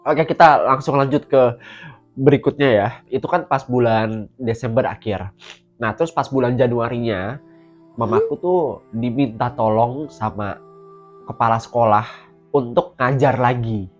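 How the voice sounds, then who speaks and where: A man's voice: mid-range voice, unhurried, pauses often, soft background music. A young man earnestly telling a personal story to his viewers, often speaking to them directly. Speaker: vlogger.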